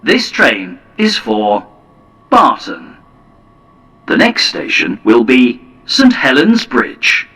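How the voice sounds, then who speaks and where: A man's voice: medium pitch, huge pitch swings, takes it slowly, pauses often, bright, forceful tone, far from the mic. A man giving automated onboard train announcements over a PA system in formal, clipped phrases.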